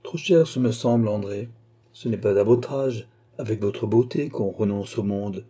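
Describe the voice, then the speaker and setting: A man's voice: fairly low pitch, normal speed, mellow, husky. A man reading aloud voices an earnest young officer pleading with his sister.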